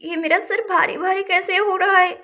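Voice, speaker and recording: A woman playing a gentle worried village mother. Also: extremely high pitch, steady tone, moderate pace. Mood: faint. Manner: soft, reassuring, sighing.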